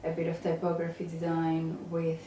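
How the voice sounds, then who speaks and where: Set back from the mic in an echoey room with faint background noise, a woman with a low, mellow voice answers interview questions in a relaxed, halting way, full of ums and restarts. She is a guest graphic designer from England and Venezuela.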